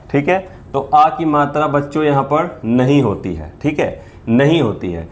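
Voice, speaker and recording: A man teaching a beginner lesson on the Hindi vowel signs, patiently repeating each sound and checking that students follow. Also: mid-range voice.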